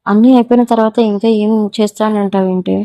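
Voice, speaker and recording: A cruel, domineering young man, harsh and threatening, read out by a woman storyteller. The voice stays flat and mellow, fairly high for its delivery, recorded close and dry. He taunts coldly in a Telugu audio story. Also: quick pace, no room sound, lightly acted. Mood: taunting.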